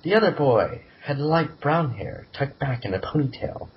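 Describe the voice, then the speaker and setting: A man's voice: mid-range voice, animated, normal speed. A man narrating a fan story in an amateur group reading, giggling now and then. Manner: giggly, breaks up laughing. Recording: muffled lo-fi with faint hiss.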